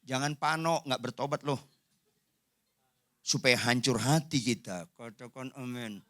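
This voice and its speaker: A man's voice: mid-range voice, unhurried. A man preaching a sermon as pastor in a church hall, joking and acting out the people in his stories. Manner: animated joking preacher, acts out voices.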